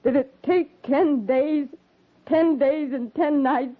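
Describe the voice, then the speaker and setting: An actress in a 1950s radio drama playing a worn, stubborn young frontier wife in grief. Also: female voice, sits high, slow. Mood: anguished. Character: bereaved frontier wife in early twenties, worn, stubborn, bitter. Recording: tinny 1950s radio recording.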